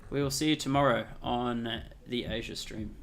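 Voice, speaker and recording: A man's voice: medium pitch, fairly even intonation, moderate pace, vocal fry, a bit bright. A man hosting a day trading livestream, chatting casually with viewers while reading charts. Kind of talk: casual live-stream commentary.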